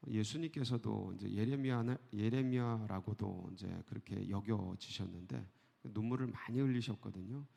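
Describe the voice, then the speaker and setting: A male pastor giving an early-morning sermon in a church, talking conversationally with rhetorical questions and soft chuckles. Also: fairly low pitch, gravelly. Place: church sanctuary. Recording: long hall reverb.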